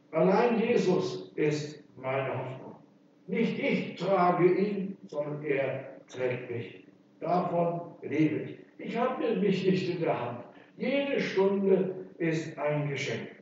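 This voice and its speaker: A man preaching a sermon in an emphatic way, stressing his phrases slowly. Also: high voice, warm tone, a little hiss or hum. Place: church. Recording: echoey church from far off, dull sound.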